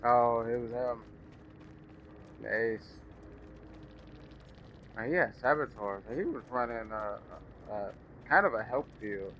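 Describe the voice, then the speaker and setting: A male gamer talks through his match in a loose, rambling way, often laughing at his own remarks. His voice sits at an ordinary middle pitch. The recording is muffled and lo-fi. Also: slow pace, long pauses, a little hiss or hum. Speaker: gaming streamer. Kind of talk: casual gameplay commentary.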